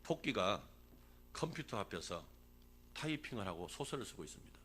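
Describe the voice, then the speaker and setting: A man's voice: lowish voice, very animated, normal speed, a bit bright, a little hiss or hum. A man in his sixties preaching a revival sermon as a pastor, calling for responses from the congregation and telling a fable along the way. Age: 60s.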